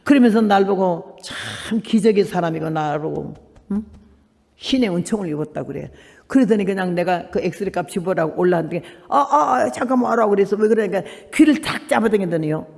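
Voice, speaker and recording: Animated woman in her eighties preaching. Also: normal speed, creaky, big-room sound. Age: 80s. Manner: animated storytelling, acting out quoted people with big swings in pitch and loudness. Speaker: missionary preacher. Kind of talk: testimony sermon.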